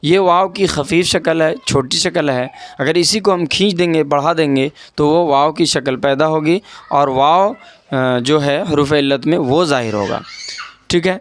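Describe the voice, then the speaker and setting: A man's voice: on the high side, dry recording. Patient male Urdu grammar teacher. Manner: patient, repeats key words and checks in with the listener. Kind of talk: explaining a lesson over an on-screen document.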